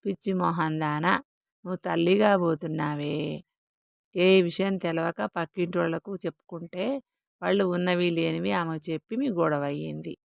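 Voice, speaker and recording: A woman's voice: fairly low pitch, fairly even intonation, moderate pace, creaky, no echo, studio quality. A woman voicing a knowing village mother who scolds her daughter affectionately. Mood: teasing.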